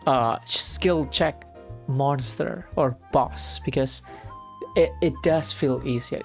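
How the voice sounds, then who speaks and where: A gaming YouTuber chatting casually, thinking aloud and correcting themself while reading an article aloud. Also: mid-range voice. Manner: thinking aloud, self-correcting, unsure of word pronunciation.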